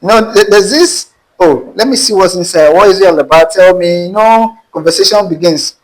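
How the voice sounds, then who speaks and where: A man with a Nigerian accent and a high voice, speaking a little fast, tells a personal dating story as an interview guest, acting out the quoted dialogue with animation. It's casual storytelling captured on a low-quality recording.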